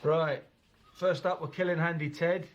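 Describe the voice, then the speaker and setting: An actor playing a brash, pushy editor of a children's comic who talks in a blunt, dismissive way. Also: male voice, on the high side, fairly even intonation, normal speed, lo-fi sound, a little hiss or hum, natural voice. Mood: scornful. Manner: brusque and blunt.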